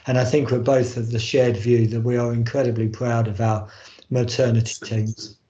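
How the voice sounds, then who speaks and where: A man's voice: mid-range voice, level tone, moderate pace, warm tone, slight background noise. A man chairing a formal board meeting on a video call, speaking with frequent hesitant ums. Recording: muffled, roomy video call audio.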